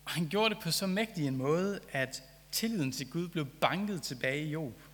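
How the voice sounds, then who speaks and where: A man's voice: on the high side, lively intonation. A man preaching a sermon, reading scripture and then reflecting on it earnestly, with rising emphasis on key phrases. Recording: long hall reverb.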